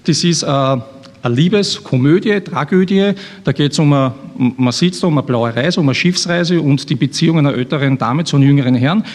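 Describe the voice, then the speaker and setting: A man's voice: a little high, a little fast. An Austrian man, an author introducing a reading at a live event, talking in a rambling, self-mocking way with many restarts. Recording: long hall reverb.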